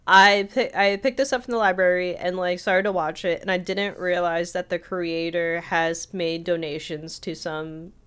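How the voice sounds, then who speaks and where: Her lowish voice is clear, resonant, and fairly bright, with fairly even intonation, a moderate pace, and hardly any pauses. She's a podcast co-host in casual chat, telling anecdotes conversationally and voicing quotes from others.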